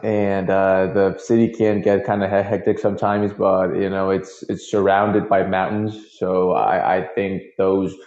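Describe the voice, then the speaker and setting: A man's voice: low voice, darkish tone. A man in his twenties from Mexico with a Mexican accent, answering casually in an interview and often repeating words as he thinks. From Monterrey, northern Mexico. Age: 20s. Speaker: guest, professional kickboxer. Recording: dull, roomy internet call audio.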